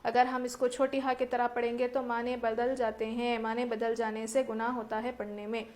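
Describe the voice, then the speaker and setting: A woman's voice: on the high side, level tone, darkish tone. A woman teaching Quran recitation rules, explaining each point patiently step by step and asking her listeners rhetorical questions. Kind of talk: tajweed lesson with recited examples.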